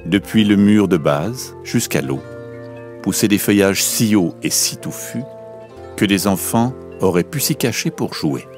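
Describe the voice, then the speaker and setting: A man narrating a children's story, slow and melodic. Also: on the low side, expressive, darkish tone, faint music behind.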